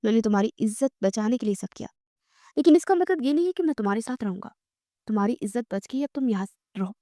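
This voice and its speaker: A woman's voice: fairly high pitch, animated, mellow, no room sound, clean studio sound, close to an everyday voice. A woman voicing a devoted young husband in a romance audiobook, speaking in an earnest, reassuring way. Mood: cold.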